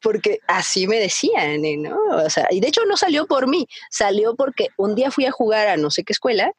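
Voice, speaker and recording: A woman's voice: mid-range voice, a little fast, breathy edge, dry recording. A young Mexican woman co-hosting a chatty podcast, telling a story and acting out other people's voices. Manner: animated, acts out her dad's shouting, many fillers. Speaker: podcast co-host. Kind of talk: casual storytelling chat.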